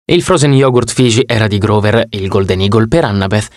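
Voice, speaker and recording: A man's voice: lowish voice, a little fast, dry recording, studio quality. A man reading a first-person audiobook narration with a wry storytelling delivery.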